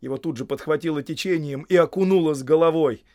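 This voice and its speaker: A man narrating a fantasy audiobook in a measured, steady storytelling manner. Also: fairly high pitch, no room sound, studio quality.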